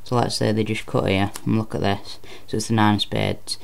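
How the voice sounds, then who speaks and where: A man's voice: on the low side, level tone, fairly quick, gravelly. A man giving informal card magician patter, explaining step by step and repeating phrases as he goes. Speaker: card trick presenter.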